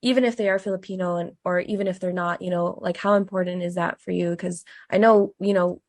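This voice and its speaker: A woman's voice: lowish voice, fairly even intonation, fast talker, darkish tone. A young adult woman who hosts a podcast and asks her guest questions in a chatty, casual manner, with many fillers. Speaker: podcast host.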